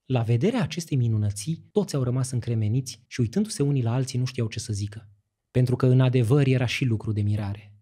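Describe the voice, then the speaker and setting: Brief: male audiobook narrator, mellow and husky, expressive fairy-tale reading. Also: mid-range voice. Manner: lively, expressive storytelling. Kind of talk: scripted storytelling narration.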